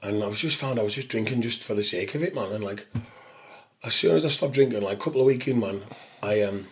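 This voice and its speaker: A man's voice: lowish voice, quick pace. A man with a broad Scottish or Cumbrian accent chatting casually as a podcast guest, sweary, slangy and matey. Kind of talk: casual chat, anecdotal.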